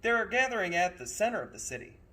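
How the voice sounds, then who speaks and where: A man voicing a jolly, commanding train conductor from a storybook with loud, grand, drawn-out announcements. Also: high voice, big pitch swings, distant mic, pitched above the performer's own voice, exaggerated voice. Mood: grand, announcing.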